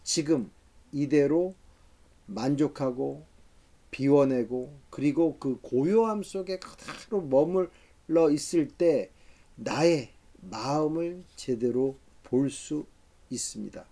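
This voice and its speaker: A man's voice: a little high, slow, warm tone. A man in his fifties, a professor, giving a reflective talk-style book review lecture with frequent hesitations. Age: 50s.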